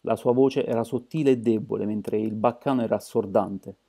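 A man reading an amateur audiobook in a steady, measured way. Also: on the low side, slightly rough. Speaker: audiobook narrator.

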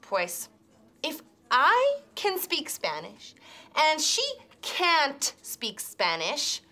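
A woman teaching English in a TV lesson, mixing Spanish and slow emphatic English with mock indignation. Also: high voice, huge pitch swings, bright, forceful tone. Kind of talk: scripted language lesson sketch. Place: TV studio.

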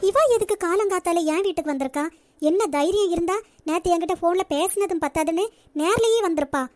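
A woman voicing a haughty, sharp-tongued rich young woman in a cartoon, speaking with a Nagercoil Tamil accent in a scornful, bossy way. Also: extremely high pitch, quick pace. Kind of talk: cartoon voice acting.

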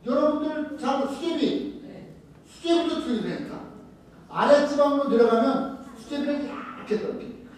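High-voiced priest lecturing in an echoing hall. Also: male voice, animated, normal speed, recorded from a distance. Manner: asks the audience questions and answers them himself. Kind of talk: retreat lecture to a live audience. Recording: very echoey hall, recorded from afar.

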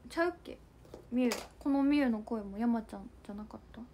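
A young woman chats with her viewers on a livestream, reacting to their comments with giggles. Her voice sits high and lively. A faint noise hums under the home mic. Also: fairly quick. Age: young adult. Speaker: idol livestream host. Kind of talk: casual livestream chat reading comments.

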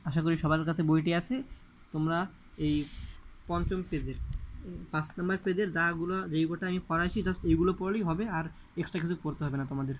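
A man's voice: on the high side, steady tone, a little fast, slight background noise, rough recording. A man with a Bangladeshi Bengali accent teaching an exam-prep lecture, reading word lists off the page and stressing which items matter. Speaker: admission coaching teacher.

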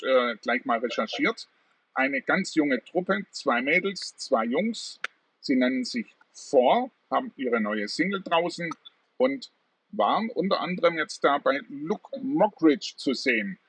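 A man's voice: a little high, expressive, a little slow, fairly bright tone, far from the mic, slight background noise, poor audio. A middle-aged man hosting an interview over a video call, chatty with many fillers. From southern Germany. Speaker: talk show host. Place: room at home with plants.

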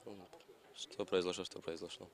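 A man's voice: sits low, level tone, moderate pace. A young man, a footballer, giving short, reserved post-match answers outdoors into a held-out microphone. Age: young adult. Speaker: football player. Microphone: interviewer's handheld microphone, held out. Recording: faint outdoor ambient noise.

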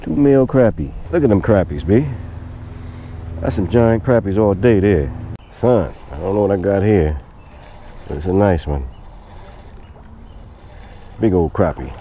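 A man with a low, mellow voice calls out his catches on a lakeshore, coaxing each fish in as he reels. He records on a head-mounted camera outdoors, with a faint hiss of open air behind him. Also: animated, unhurried, long pauses. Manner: talks to the fish while reeling. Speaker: angler filming himself. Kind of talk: excited fishing commentary. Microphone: head-mounted action camera.

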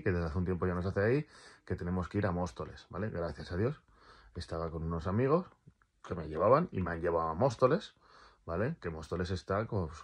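Low-voiced rambling man. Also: slightly rough. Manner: rambling, repeats words, swears casually. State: in pain from a torn calf. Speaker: vlogger. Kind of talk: casual personal vlog.

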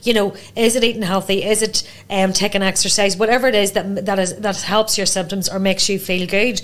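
Quick, chatty Northern Irish woman hosting an interview, affirming tone. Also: medium pitch, level tone, a bit bright. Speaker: podcast host. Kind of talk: casual interview chat. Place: studio set with armchairs. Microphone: boom microphone on stand.

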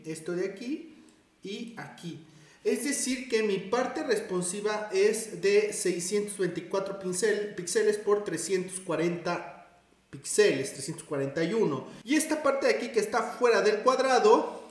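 A man's voice: high-pitched, expressive, a little slow. A man giving a chatty design tutorial, thinking aloud and correcting himself as he works. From Mexico. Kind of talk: screen-recorded tutorial. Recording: very echoey room.

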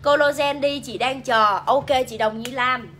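With a noisy background behind her, a Southern Vietnamese-accented woman hosts a relaxed live selling stream, unhurried and high-voiced, reading out viewer comments and talking up her products.

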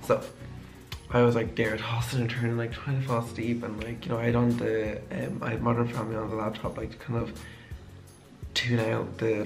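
A man's voice: mid-range voice, gravelly. A tired young man, a design student, rambling casually through a story from his home kitchen, with lots of "like". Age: young adult. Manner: rambling, heavy use of "like". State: tired from lack of sleep.

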